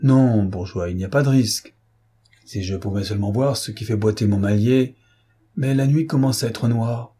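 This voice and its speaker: A man voicing a sly, rough young coach driver who swears loudly and talks like a country man. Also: fairly low pitch, normal speed. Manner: cursing loudly, rustic speech.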